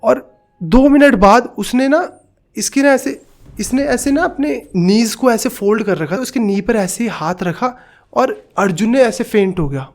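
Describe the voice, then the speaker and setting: A man's voice: very high voice, a little slow. A man telling a horror story, dramatic and acting out the cries and knocks he describes.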